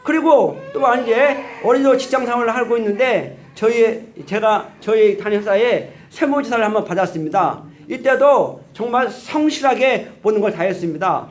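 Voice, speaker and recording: A man giving a church testimony, telling his story earnestly in slow, deliberate phrases and acting out the dialogue. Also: high voice.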